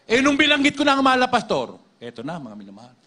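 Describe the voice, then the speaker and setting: A man's voice: very high-pitched, huge pitch swings, fast, bright, forceful tone. A man giving an emphatic testimony to a congregation, often turning to address the listeners as beloved. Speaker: church member giving testimony.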